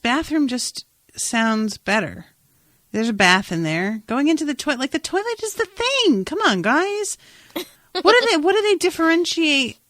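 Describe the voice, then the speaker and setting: A woman with a fairly high, slightly bright voice co-hosts a casual TV episode recap podcast, recorded in studio quality with no echo. She's slangy and sarcastic, swears casually, and sounds incredulous and exasperated.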